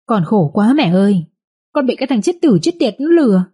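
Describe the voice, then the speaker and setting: A woman voicing a heartbroken young village woman who pleads tearfully, in a husky voice. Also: medium pitch, very animated, brisk, warm tone.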